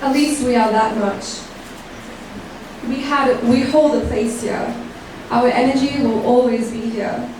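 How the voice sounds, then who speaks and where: Woman poet, reflective lyrical reading, far mic, roomy with background noise. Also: a little high. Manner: slow, reflective, lyrical delivery. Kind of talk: spoken-word poetry reading. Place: live event room. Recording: echoey room heard from far off with background noise.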